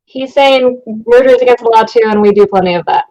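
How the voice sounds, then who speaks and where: Wry young woman, fairly high voice. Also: fast, warm tone, dull audio. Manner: wry, sardonic. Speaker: tabletop game player. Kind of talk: casual improvised role-play banter.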